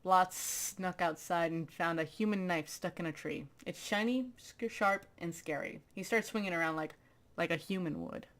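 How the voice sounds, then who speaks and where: A woman's voice: on the low side, normal speed, fairly bright tone. A woman playfully reading a text adventure aloud, laughing often and adding dramatic flair to the lines. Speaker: gaming video host.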